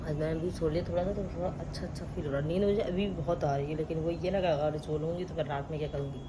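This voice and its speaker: A woman's voice: sits low, steady tone, quick pace, noisy background. A young woman chatting casually to her vlog viewers at home, talking about her day and coaxing her sleepy child. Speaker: vlogger. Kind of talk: casual daily vlog chat. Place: home indoors.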